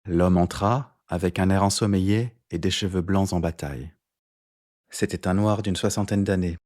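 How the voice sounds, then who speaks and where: A man narrating a first-person literary audiobook in a measured, even delivery. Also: low voice.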